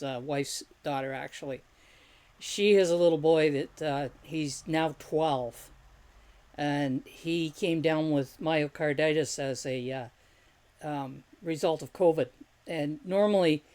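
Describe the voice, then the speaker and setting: A host of an online group call talking casually, halting and unhurried, with many pauses and restarts. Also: mid-range voice, a little mellow.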